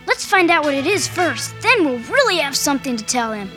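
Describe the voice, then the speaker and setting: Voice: high voice, big pitch swings, a little fast, over music. A performer voicing a bold, curious young boy in a children's radio drama, urging his sister on. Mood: eager. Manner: daring, eager.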